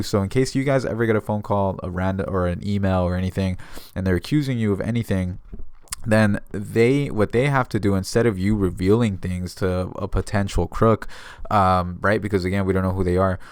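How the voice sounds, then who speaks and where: This American man from the San Diego area has a low, clean voice, recorded dry with clean studio sound. He talks casually to viewers as a notary giving advice, explaining things conversationally by retelling exchanges in a laid-back instructional vlog.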